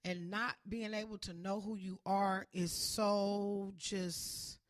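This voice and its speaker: A woman in her forties, a comic and jail case manager, chatting casually in a podcast, slangy and animated, breaking into loud acted-out bits. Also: mid-range voice, slow pace. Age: 40s.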